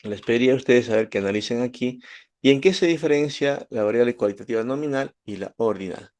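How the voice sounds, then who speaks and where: A Peruvian man lectures students on statistics in a quick, mid-range, slightly mellow voice. He keeps checking in with the class, posing questions and drawing on everyday examples.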